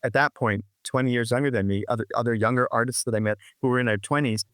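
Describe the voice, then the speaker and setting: Speaking as an interview guest, this musician in his sixties muses and loops back on himself, full of restarts and "you know, like." His middle-pitched voice is fairly bright with fairly even intonation and a quick pace, captured dry and close without any room around it.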